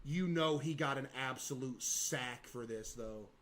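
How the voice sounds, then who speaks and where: A man's voice: mid-range voice, measured pace, a bit bright. A man streaming casual live reaction commentary, exclamatory and incredulous in manner.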